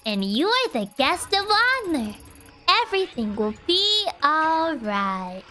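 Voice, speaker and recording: A woman voicing a creepy calm, unsettlingly serene cultist mother, reading game dialogue aloud with slow menace. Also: high-pitched, slight background noise, exaggerated voice. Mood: soothing menace.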